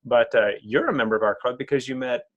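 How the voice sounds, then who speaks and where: A man's voice: medium pitch, fast, muffled recording. A man interviewing a guest in an online club meeting, who often repeats words while searching for phrasing.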